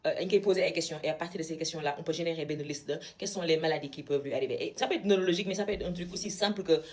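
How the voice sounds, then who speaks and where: A woman's voice: sits low, rapid-fire. A young woman from Senegal, a medical student, telling a story casually and with indignation, switching between French and Wolof. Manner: animated, indignant retelling.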